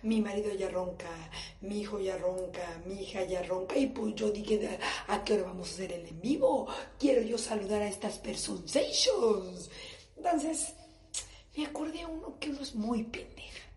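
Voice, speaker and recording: A woman's voice: medium pitch, normal speed, a little mellow. A woman doing a brash, profane comedic monologue for a live stream, recorded in an echoey bathroom at home. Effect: echoey bathroom acoustics.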